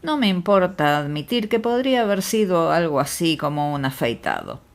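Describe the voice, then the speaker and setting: Una mujer que lee en audiolibro a un médico rural alegre y afable, que habla con exclamaciones efusivas. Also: female voice, fairly low pitch, very animated, normal speed. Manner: effusive, exclamatory. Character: jovial exuberant male country doctor.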